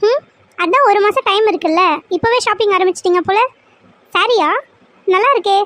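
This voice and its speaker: A woman's voice: very high-pitched, fairly quick, a bit bright, no echo. A woman voicing a cheeky young bride-to-be in a cartoon serial. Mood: teasing.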